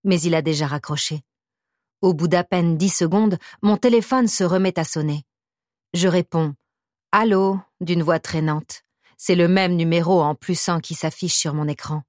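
A woman narrating a novel in the first person, measured and intimate with a wry edge. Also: fairly low pitch, a little mellow, dry recording, studio quality. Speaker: audiobook narrator.

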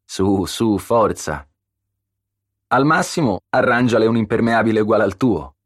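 An audiobook figure: a bustling pregnant woman in her thirties, brisk, bossy and teasing. A man voices her, lifting his low voice clearly higher. The sound is dry and close. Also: no room sound. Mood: bossy cheerful.

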